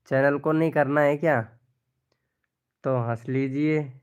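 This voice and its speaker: Hosting a live stream that promotes channels, a man chats casually while reading viewers' comments aloud, addressing people by name and laughing often. His voice is fairly high, steady, and smooth, and he takes his time.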